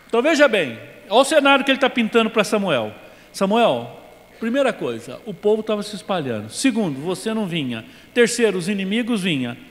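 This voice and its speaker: High-voiced Brazilian pastor in an echoing church. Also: male voice, big pitch swings, fairly quick. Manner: storytelling preacher, acts out dialogue, shifts from loud to hushed. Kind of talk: sermon. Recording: long church reverb.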